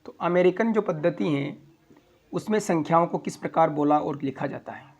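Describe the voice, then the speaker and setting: Man teaching maths slowly, high voice. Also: darkish tone. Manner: slow, step-by-step counting of place values. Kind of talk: classroom explanation.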